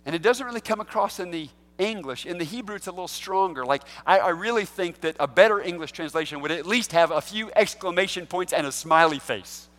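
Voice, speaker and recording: A man preaching a sermon as pastor, animated and jokey, swinging between loud bursts and hushed asides. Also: high voice, fairly quick, hardly any pauses, long reverb tail.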